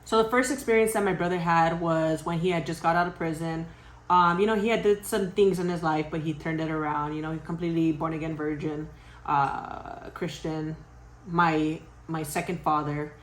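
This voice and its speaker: A young woman vlogger casually telling a spooky story to her viewers, animated and swearing, often laughing. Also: low voice, moderate pace, reverberant.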